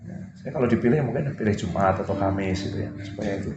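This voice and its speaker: A man's voice: lowish voice, fast, muffled recording. A man preaching a sermon as pastor, in an easygoing, conversational way, often tagging his sentences with "gitu ya". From Indonesia. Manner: conversational, repeats "gitu ya" a lot. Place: church hall. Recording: roomy hall with music behind.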